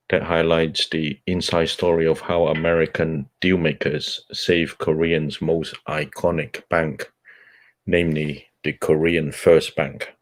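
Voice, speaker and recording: A book club host, a man whose first language is Cantonese, reads nonfiction aloud in a bass voice. He keeps a measured rhythm, stopping on filler sounds between phrases.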